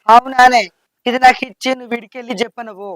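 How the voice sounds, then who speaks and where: An actress playing a bossy older village mother-in-law with a Telangana Telugu accent, blunt and quick-tongued. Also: fairly high pitch, little pitch movement, no room sound, natural voice.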